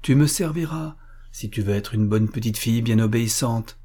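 A man's voice: mid-range voice, normal speed, dark tone, lightly acted. A man voicing a stern but kind young tutor, speaking with firm, patient reproach. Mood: gentle.

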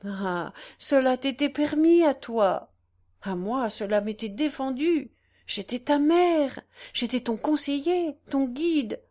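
A woman playing a guilt-stricken aristocratic mother from a classic novel, pleading in a raised, emotional voice. The pitch moves widely as she laments, read aloud as an audiobook. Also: expressive, slow pace, dark tone, exaggerated voice. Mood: remorseful.

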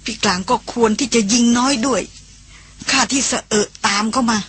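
A woman voicing a tearful young woman in an audiobook, sobbing and pleading in halting, stammering speech. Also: on the high side, fairly even intonation, a bit bright, slightly rough, pitched above the performer's own voice. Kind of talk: audiobook character voice.

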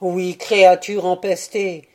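A woman's voice: on the low side, level tone, takes it slowly, dark tone. A woman reading aloud and voicing an angry, scornful young man who speaks with contempt. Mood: furious scornful. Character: young man, furious, bitter, scornful lover.

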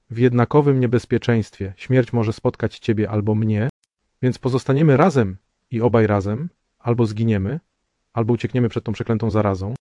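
A man voicing a calm young male wanderer who speaks with cold, friendly mockery. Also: mid-range voice, no room sound, dull audio, lightly acted. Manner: coldly ironic, calm.

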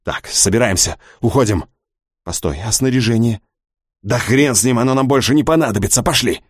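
A man voicing a rough, crude male treasure hunter who barks orders and swears. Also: mid-range voice, brisk, no room sound, clean studio sound, natural voice. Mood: brisk. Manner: gruff, swearing, barked orders.

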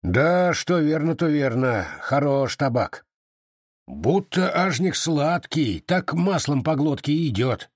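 A male narrator voicing a gruff older Cossack sergeant with a drawling, excitable manner. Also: fairly high pitch, takes it slowly, no echo, clean studio sound, voice pushed up. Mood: savoring.

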